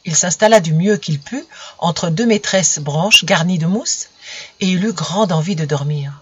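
A narrator reading a story aloud in an even, measured way. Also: medium pitch, breathy edge, lo-fi sound.

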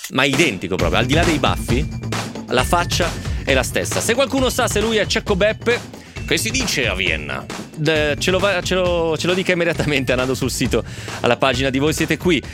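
A male radio host talks off the cuff in a casual live show. His pitch moves around in a lively way as he banters, wanders into asides and pokes fun at himself, with music behind him. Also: a little fast. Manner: bantering, digressive, self-mocking asides. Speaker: radio host taking listener calls and reading messages.

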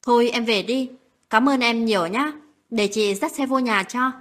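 A woman voicing a gentle, reserved married woman who speaks in a quiet, subdued way, in a late-night audio story. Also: a little high, normal speed.

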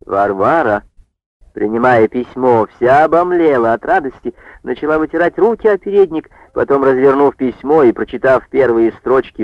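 A man reading a novel aloud in steady audiobook narration. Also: medium pitch, dry recording. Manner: steady storytelling. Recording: dull dry lo-fi recording.

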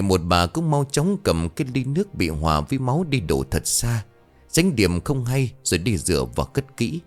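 Low-voiced man narrating a ghost story. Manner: dramatic, measured. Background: faint music.

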